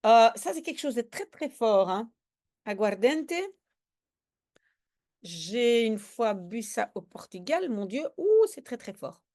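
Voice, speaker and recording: A woman language teacher reading a comic aloud and explaining it slowly and carefully. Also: fairly high pitch, lively intonation, darkish tone.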